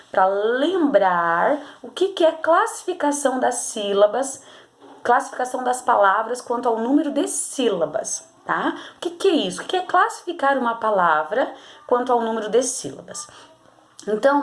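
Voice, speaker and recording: A Brazilian woman teacher guiding children through a workbook lesson, explaining patiently step by step and checking in often. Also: on the high side. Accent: Brazilian Portuguese. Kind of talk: recorded remote class lesson.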